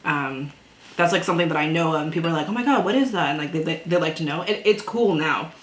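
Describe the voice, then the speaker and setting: A woman from Canada chatting casually over a meal, relaxed and easygoing. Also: low-pitched, fast talker. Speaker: co-host. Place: indoors at a table. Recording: echoey room, faint noise.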